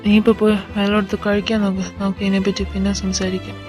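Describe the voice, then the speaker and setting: A woman's voice: medium pitch, monotone, very fast, music in the background, close to an everyday voice. A woman with a Malayali accent voicing a short-tempered, protective older brother who scolds and threatens his little sister in a fan audio drama. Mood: scolding. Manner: gruff scolding, threatening, mock teasing.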